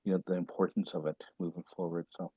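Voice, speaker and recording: A man's voice: deep voice, little pitch movement, fast talker, dark tone, slightly rough, no echo. A man moderating a webinar panel over a video call, affirming each speaker and thanking them before he asks the next question.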